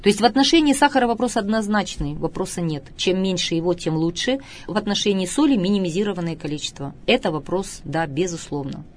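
A middle-aged woman with a fairly low voice talks as a studio guest expert. She lectures with firm emphasis and stretches out the words she wants to stress. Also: lively intonation, fast, few pauses, slight background noise. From Russia. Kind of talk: studio talk show interview.

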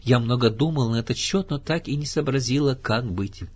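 Brief: man playing a warm-hearted mama kangaroo, soft-spoken. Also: mid-range voice, brisk, slightly rough, close to an everyday voice. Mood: kindly. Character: gentle motherly female kangaroo.

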